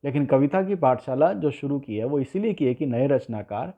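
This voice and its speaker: A man's voice: medium pitch, animated, mellow. Man teaching poetry over a tinny line. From India. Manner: explains slowly, repeats examples word by word. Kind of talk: spoken lesson on ghazal writing. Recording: tinny phone-like sound.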